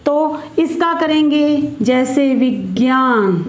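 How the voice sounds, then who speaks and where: Slow-speaking woman teacher, echoey room. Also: high voice, lively intonation. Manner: slow, patient explaining with questions to pupils. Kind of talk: classroom grammar lesson.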